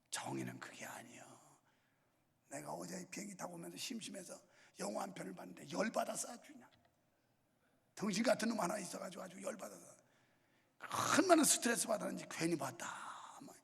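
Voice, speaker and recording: High, husky and fairly bright with vocal fry, this voice belongs to a pastor in his sixties. Preaching in his church sanctuary, he tells stories casually and colloquially, now and then scolding, and the sound rings with long church reverb.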